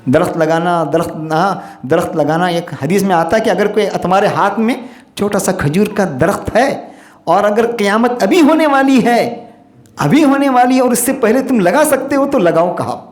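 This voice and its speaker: A man's voice: high-pitched, animated. A man, an imam, giving a Friday sermon with earnest exhortation and recited Arabic verses. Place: mosque. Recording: echoey mosque hall.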